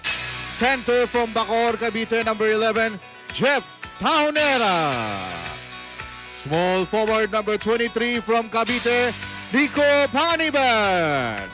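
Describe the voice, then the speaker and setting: High-pitched Filipino arena hype announcer, drawn-out names. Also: male voice, big pitch swings, over music. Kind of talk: live sports arena introductions. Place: large indoor sports arena.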